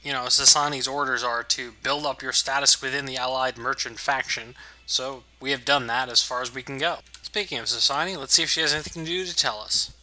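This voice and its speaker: A man with a very bright, sharp voice and average pitch hosts a let's play. His commentary is casual and wry, delivered with amused understatement. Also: fairly even intonation, fairly quick, poor audio. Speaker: gaming video host.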